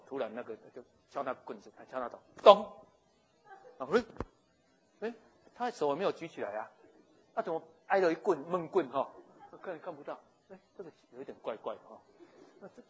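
A man, telling a story in a sermon in an animated, jokey way. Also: medium pitch, breathy edge, rough recording. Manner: animated, jokey, with frequent chuckles and restarts. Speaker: pastor.

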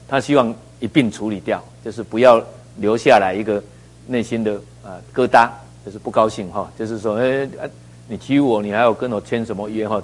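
A middle-aged man leading a Bible study, reading scripture slowly and then explaining it in a chatty way full of fillers. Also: mid-range voice. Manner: conversational, with many fillers and a tagged "哈".

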